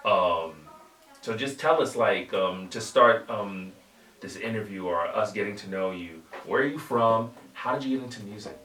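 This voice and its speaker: A man hosts a podcast interview with an eager, chatty delivery and frequent affirmations. His low voice sits back from the mic in an echoey room with faint background noise. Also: moderate pace, bright, forceful tone, recorded from a distance. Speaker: podcast host. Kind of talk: casual interview.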